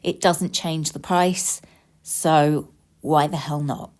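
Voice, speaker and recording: A woman's voice: low voice, steady tone, slow pace, a little mellow. A British woman talking candidly and reflectively in a casual eat-with-me vlog, chatting over a drink. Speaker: vlogger sharing eating disorder recovery support.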